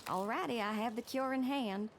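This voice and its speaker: A woman's voice: a little high, moderate pace, noisy background, close to an everyday voice. An actress playing a tough, tired woman zombie survivor in a video game who talks bluntly and uses folksy slang. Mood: resolute. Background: game music.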